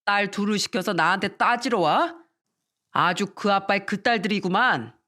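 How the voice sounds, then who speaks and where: A woman's voice: mid-range voice, expressive, normal speed, a bit bright. A woman voicing an arrogant, rude young husband who sneers and blames others in a storytelling radio drama. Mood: sneering. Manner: sneering, defiant, blaming others.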